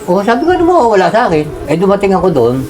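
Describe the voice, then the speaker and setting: A man recounting his prison and gang days in quick casual storytelling, sinking low and quiet when he reflects. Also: very animated, poor audio. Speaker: interviewee, former gang member.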